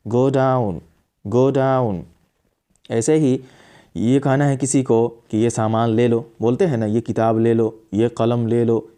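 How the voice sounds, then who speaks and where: A man gives a spoken English lesson in a mellow, warm voice of ordinary pitch. He states each English command slowly and says it over two or three times so learners can follow. His delivery stays calm and explanatory throughout. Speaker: English teacher.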